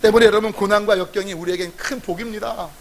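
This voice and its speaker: A male pastor preaching a sermon, emphatic, calling out to the congregation and acting out prayers, swinging from loud to near whisper. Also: high-pitched, fairly even intonation, fast.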